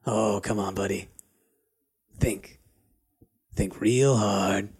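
A man plays a menacing lizardfolk mercenary in a tabletop fantasy game. The voice is lowered and hushed, edging into a whisper. He drawls with smug, taunting menace, as if money is all that counts. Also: steady tone, very slow, slightly rough, heavily acted. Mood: mocking. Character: sly, menacing tall lizardfolk mercenary, mocking and money-minded.

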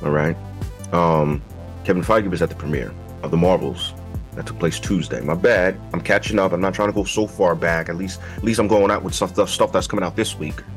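A man with a low, froggy voice, croaky as if just out of bed, hosts a podcast in a loose, slangy way. He speaks directly to his audience, with music playing behind him. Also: fairly quick. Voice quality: croaky, froggy early-morning voice. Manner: informal, slangy, addresses listeners directly. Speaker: podcast host. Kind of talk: casual video podcast monologue with slang.

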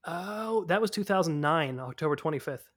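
A man, co-hosting a casual podcast chat, excitable and quick to laugh while sharing fun facts. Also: fairly high pitch. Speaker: podcast co-host.

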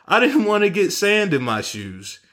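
A man putting on the high voice of a fearless eleven-year-old girl, sounding flat and matter-of-fact. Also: moderate pace, full character voice.

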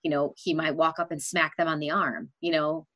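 A woman hosts a podcast in a relaxed conversation, chatting with frequent filler phrases. Her voice sits very low for a woman. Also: normal speed. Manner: chatty, many fillers like "you know". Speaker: podcast host. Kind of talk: casual conversation.

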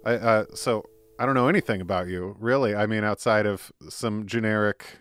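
A man's voice: on the low side, steady tone, moderate pace, fairly bright tone, clean tone. Chatty laughing male podcast host. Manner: chatty, laughs often, many fillers and restarts. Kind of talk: casual podcast interview.

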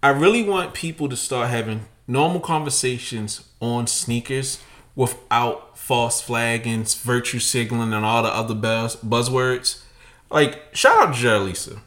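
A man's voice: mid-range voice, measured pace, a bit bright. A man, co-hosting a podcast with brash, profane, emphatic rants. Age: 30s. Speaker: podcast co-host. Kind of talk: casual opinionated rant.

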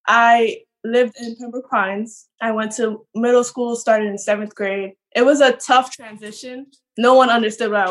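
Young woman, eager guest. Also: fairly high pitch. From Trinidad. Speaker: podcast guest. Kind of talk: casual podcast interview.

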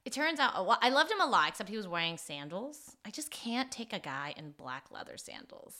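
Bright-voiced woman dishing gossip on a show, teasing and blunt, very lively pitch. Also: a little fast. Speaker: podcast co-host. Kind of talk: casual chat recapping a reality show.

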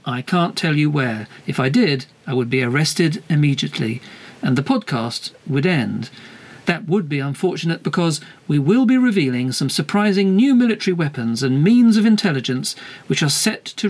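A man playing a polite, slightly hesitant and anxious podcast host in a comedy interview. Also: a little high.

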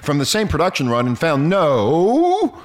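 A man's voice: a little high, wildly swooping pitch, measured pace. A man hosting a talk radio show with crude, irreverent, profane banter and mock-announcer addresses to his listeners.

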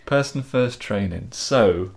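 A podcast co-host chats casually, joking around and laughing easily at himself. His lowish voice is expressive and slow.

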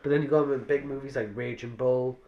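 A man's voice: mid-range voice, fairly even intonation, fast, highs cut off. A man talks as a podcast host in a loose, conversational style. He swears freely and keeps up a matey banter, sounding like he is chatting with a friend. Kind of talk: casual chat about films.

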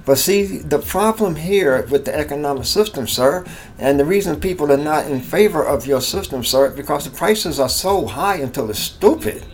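A man's voice: on the high side, lively intonation, normal speed. A middle-aged American man giving a natural, unscripted monologue, rambling casually with folksy slang and repeating himself. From United States. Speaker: vlog host. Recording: clearly noisy background ambience.

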